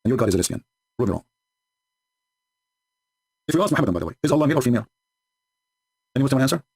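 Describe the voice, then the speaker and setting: A man's voice: medium pitch, expressive, rapid-fire, darkish tone, slightly rough. A man whose first language is not English, hosting a livestream and mocking his opponents sarcastically, with frequent laughs and broken English. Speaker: host.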